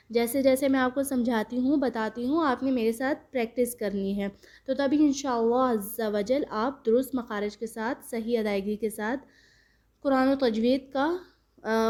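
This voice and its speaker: A woman with a Pakistani Urdu accent giving an online Quran reading lesson, patiently drilling each syllable slowly and repeating it. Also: high voice, darkish tone. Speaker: Quran recitation teacher.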